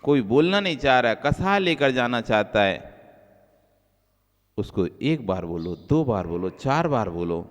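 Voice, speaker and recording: A male Jain monk giving a sermon, repeating key phrases and moving between soft low asides and raised, emphatic lines. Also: big pitch swings, measured pace. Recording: long hall reverb.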